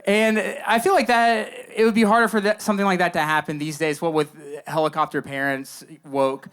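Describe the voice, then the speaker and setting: A young man doing stand-up in front of a live audience. His voice sits a little high for a man and is clean and smooth. He tells his stories in a dry, deadpan, mock-earnest way. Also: a little fast. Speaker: stand-up comedian. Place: live comedy show before an audience. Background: audience laughter between lines.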